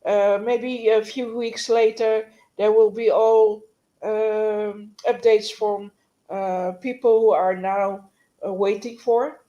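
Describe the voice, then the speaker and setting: A woman co-hosting a casual live-stream chat, speaking hesitantly with many pauses over a video call. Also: mid-range voice, little pitch movement, dark tone, muffled recording. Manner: hesitant, many fillers and restarts.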